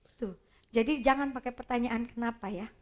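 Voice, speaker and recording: A woman giving a church seminar on child development, animated at times and dropping to a soft hush at others. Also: on the high side, brisk.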